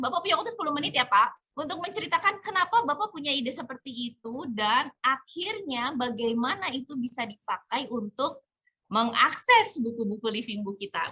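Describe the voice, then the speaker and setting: A woman's voice: sits high, sharp tone, slightly rough. A chatty woman hosting an informal online community talk in colloquial speech. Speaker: host of a community webinar.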